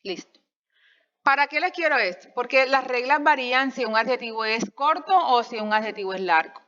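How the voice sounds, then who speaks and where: A woman with a bright, clear voice pitched a little high explains grammar in a recorded slideshow lesson. She talks patiently, checks understanding with quick questions and corrects herself as she goes. The sound is dull and carries a long reverb tail. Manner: self-correcting, stretches out example sentences. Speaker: English teacher.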